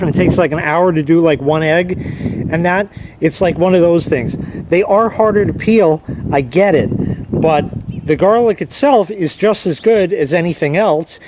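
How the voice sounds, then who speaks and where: An American man rambling casually, with a profane and opinionated manner, recorded outdoors. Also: high-pitched. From United States. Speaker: vlogger. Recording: loud wind and traffic noise.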